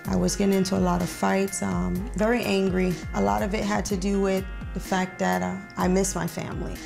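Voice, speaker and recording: A woman telling her life story in an interview, speaking haltingly with many fillers and pauses. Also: mid-range voice, level tone, gravelly. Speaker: interviewee sharing her testimony. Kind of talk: reflective testimony interview. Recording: soft music underneath.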